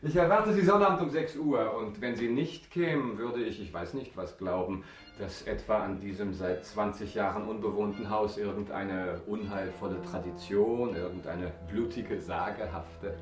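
A man in a German radio drama playing a suave, ironic count, courtly and measured with a subtle mockery. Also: lowish voice, roomy sound, soft background music, close to an everyday voice. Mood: courteous. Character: suave, ironic aristocratic count, coolly controlled avenger.

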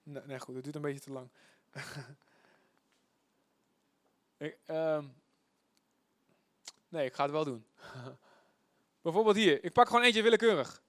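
A man preaching a sermon as pastor. His delivery is emphatic and he repeats words for effect. He swings between loud bursts and hushed, drawn-out phrases. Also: on the high side, no echo.

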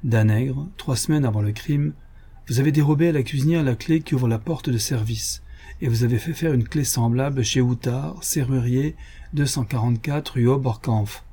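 A man's voice: mid-range voice, normal speed, warm tone, slightly rough. A man doing a curt, menacing ex-inspector. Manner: curt, hard, precise. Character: cold, precise male ex-police inspector.

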